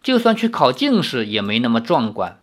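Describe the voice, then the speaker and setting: A man's voice: mid-range voice, huge pitch swings, moderate pace. A man voicing a sweet, playful young woman who is devoted and fierce underneath, with a lilting, teasing delivery in an audiobook reading.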